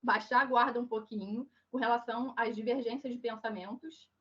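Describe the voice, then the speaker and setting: A Brazilian woman with a hoarse, croaky duck-like voice from flu, giving an online lecture in a didactic manner, often checking in with her listeners. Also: fairly high pitch, fairly even intonation, fairly quick, over a noisy crowd. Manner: didactic, frequent check-in tags. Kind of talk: online lecture on social issues. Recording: dull, muffled online call audio.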